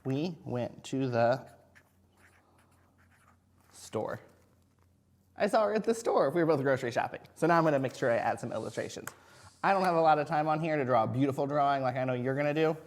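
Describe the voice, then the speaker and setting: Male teacher talking to young children. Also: a little high. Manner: talking to young children, simple words with frequent questions; encouraging, singles out and spells words slowly. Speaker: first grade teacher. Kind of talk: children's video lesson.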